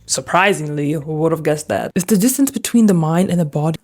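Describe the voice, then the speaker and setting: A woman's voice: deep voice, a little fast, darkish tone. Exasperated young woman ranting over manga. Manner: exasperated, swearing, reads lines in voices. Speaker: commentary host. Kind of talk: comedic manga reading commentary.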